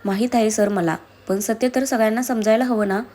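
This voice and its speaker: A woman's voice: on the high side, fairly even intonation, a little fast, dark tone, close to an everyday voice. A woman reading the part of a firm, honest young man revealing the truth in a storybook reading. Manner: firm, sober.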